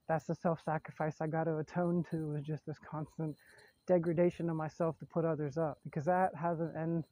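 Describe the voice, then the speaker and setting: Earnest rambling young man, mellow. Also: fairly high pitch, dry recording, poor audio. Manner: earnest, rambling, casual swearing. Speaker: vlogger. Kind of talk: rambling self-help monologue. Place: outdoors near frogs. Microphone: phone.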